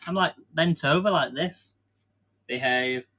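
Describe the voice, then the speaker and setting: A good-humoured English man rambles through a live stream from his kitchen, chatting loosely between baking tasks and often laughing at himself. His voice is slightly higher than usual for a man, bright and forceful, at a measured pace. The camera on a stand captures the audio, with a little hiss or hum.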